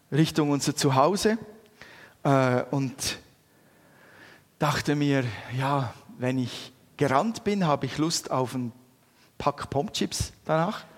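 Lively Swiss German preacher in a hall. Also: male voice, a little high. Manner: lively storytelling, animated. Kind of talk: anecdotal sermon. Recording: long reverb in a hall.

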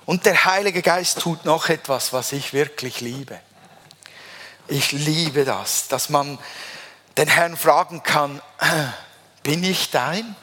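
Bright-voiced preacher in a reverberant hall. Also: male voice, a little high. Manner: emphatic, slows down on key phrases. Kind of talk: sermon. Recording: long reverb of a large hall.

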